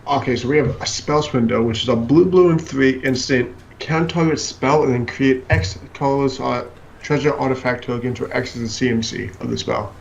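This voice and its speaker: A man reading card text aloud over a video call, plain and matter-of-fact. His voice is gravelly with plenty of fry, and a faint hiss sits behind it. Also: mid-range voice, moderate pace, few pauses, lo-fi sound. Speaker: co-host reading cards. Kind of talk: casual chat.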